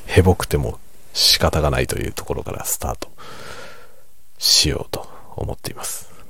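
A middle-aged man chatting quietly late at night over a drink, in a hushed, unhurried, musing and self-deprecating way. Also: extremely low pitch, slightly rough. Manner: relaxed monologue while drinking alcohol. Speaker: streamer.

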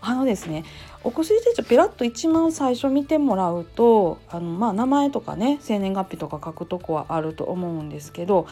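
A woman's voice: mid-range voice, normal speed, faint music behind. A woman nurse hosting her own channel, talking casually in a Kansai accent, chatty and full of fillers. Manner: chatty, lively, hedging with fillers. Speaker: nurse and temple priest's wife, channel host. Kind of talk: casual solo talk.

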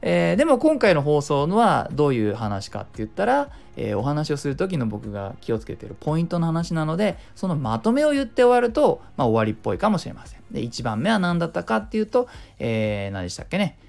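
A man's voice: a little high, sing-song, fast, creaky, hardly any pauses, a little mellow. A middle-aged man hosting a casual solo talk show, chatty and self-explaining, giving speaking tips and dropping in little sound imitations. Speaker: podcast host.

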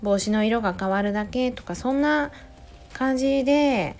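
A woman in her thirties, a mother, talking in a gentle, chatty way in a casual solo audio diary, close to the mic. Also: a little high, normal speed. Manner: gentle, chatty, many soft "ne" tags. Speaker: podcast host, mother of a preschooler. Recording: faint music behind voice.

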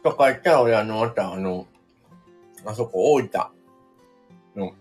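A man's voice: fairly low pitch, measured pace, a little mellow, faint music behind. A man in his thirties with a Kansai accent, chatting casually as he hosts a livestream. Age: 30s. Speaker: livestream host. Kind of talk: casual chat.

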